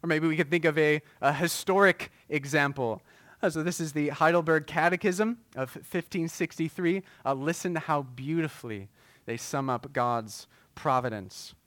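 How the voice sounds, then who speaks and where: Pastor guy giving a sermon, earnest and measured, lotta uhs, kinda high voice, dry sound. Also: a bit bright, dry recording. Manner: earnest, measured preaching with frequent "uh" fillers.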